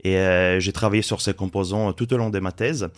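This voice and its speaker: A man from Turin with an Italian accent, a native Italian speaker, explaining things calmly as a podcast guest with frequent hesitations. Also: deep voice. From Italy, Turin. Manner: measured, explanatory, many hesitations. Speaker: startup founder, podcast guest. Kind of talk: casual interview.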